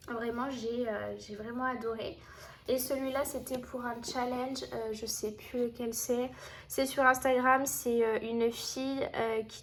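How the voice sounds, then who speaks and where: A woman's voice: on the high side, a bit bright. A woman chatting casually to camera about her finished coloring pages, with many fillers and restarts. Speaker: coloring hobby vlogger.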